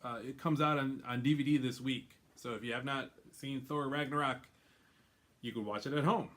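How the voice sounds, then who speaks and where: A man's voice: mid-range voice, fairly even intonation, normal speed, a bit bright. Chatty rambling male host. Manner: chatty, rambling, laughs often. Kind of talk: casual chat.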